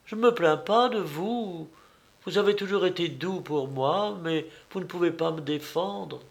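A man reading aloud, voicing a respectful but firm young woman who speaks softly and earnestly to her father. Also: on the low side, unhurried, gravelly, voice pushed up. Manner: soft, earnest pleading.

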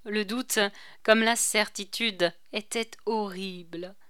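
Woman reading an old novel aloud, slow and deliberate, bright very clear voice. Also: mid-range voice, fairly even intonation, no echo, clean studio sound. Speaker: narrator. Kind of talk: audiobook narration of a classic novel.

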